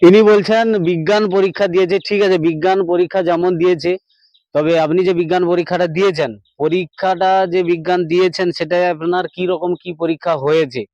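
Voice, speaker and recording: A man playing a parody news anchor, an excitable, mock-earnest TV reporter, wordy and repetitive. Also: sits high, quick pace, no room sound, dull audio, close to an everyday voice. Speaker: host of a parody news show. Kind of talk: parody news anchor, live street interview.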